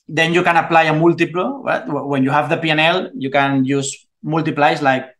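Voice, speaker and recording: A native Spanish-speaking man with a Spanish accent, a guest who teaches an investment course, explains his work off the cuff, groping for English words as though translating in his head. His voice is a little high and a bit bright, brisk, with fairly even intonation.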